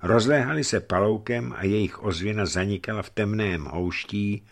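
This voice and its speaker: A man narrating a historical adventure story in an expressive reading style. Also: on the low side.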